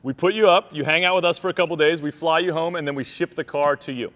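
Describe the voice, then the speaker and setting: A man's voice: fairly high pitch, fast talker, a bit bright. A man hosting a live phone call to tell a winner about her prize, talking in an upbeat, enthusiastic way. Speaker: host calling a prize winner.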